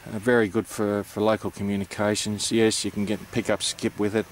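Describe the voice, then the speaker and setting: An Australian man talks through practical details in a low voice with very little melody. He is unscripted and hesitant, explaining things in a plain, matter-of-fact way. There is some noise behind him. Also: flat delivery, fairly quick. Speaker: amateur radio operator presenting. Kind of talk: informal explanatory vlog.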